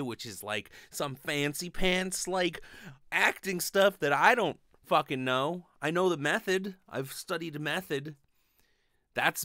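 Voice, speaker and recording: This thirty-something man, a podcast host as well as an actor and acting teacher, speaks at medium pitch with a fairly bright tone. He rambles informally and swears, hesitating a lot and filling gaps with "like." Recorded in a small bedroom on a stand-mounted close studio microphone, the sound has no echo.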